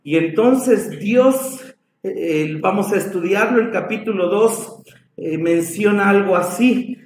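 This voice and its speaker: A man's voice: high-pitched, takes it slowly, reverberant, a little hiss or hum. A man with a Mexican accent preaching a sermon in a church, dramatic and passionate in his storytelling. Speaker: pastor.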